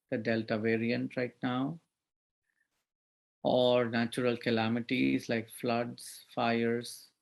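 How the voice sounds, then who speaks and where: Slow, gravelly-voiced male meditation guide. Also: mid-range voice. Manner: soft, measured instructions with long pauses.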